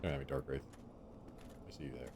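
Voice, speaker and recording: Very deep-voiced man streaming a game. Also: fairly even intonation, fast talker, heavy background noise. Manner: rambling, chatty with chat, jokey. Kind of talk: live gameplay commentary. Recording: game music behind voice.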